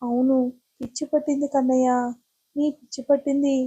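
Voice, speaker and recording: A woman's voice: high voice, little pitch movement, brisk, mellow, dull audio, lightly acted. A woman voicing a tearful, devoted young woman. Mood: tearful pleading. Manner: pleading, emotional.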